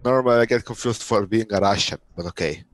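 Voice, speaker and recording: A man's voice: fairly low pitch, quick pace. A man from Slovenia with a Slovenian accent, calling into a video chat and speaking in a matter-of-fact way. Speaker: caller.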